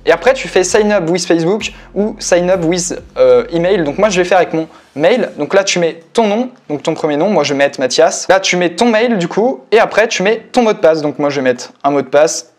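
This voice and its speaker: A man's voice: sits high, expressive, fairly quick, few pauses. Guy doing a screen recording tutorial, keeps repeating himself, super insistent, tons of fillers. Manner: repetitive, insistent, many fillers like "voilà" and "donc". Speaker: online money-making tutorial host.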